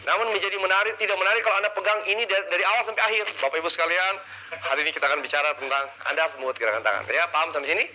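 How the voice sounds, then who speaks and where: A man's voice: high voice, very fast, bright, forceful tone, dull audio, a little hiss or hum. A man leading a live public speaking seminar, energetically drilling the audience with call-and-response questions into a handheld mic. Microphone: handheld microphone.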